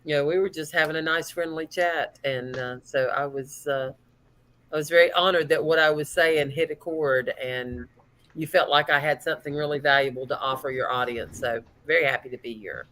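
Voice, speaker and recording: Chatty woman, lowish voice. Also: normal speed. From North Carolina, USA. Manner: chatty, animated storyteller. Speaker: sales coach. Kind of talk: guest storytelling in an interview.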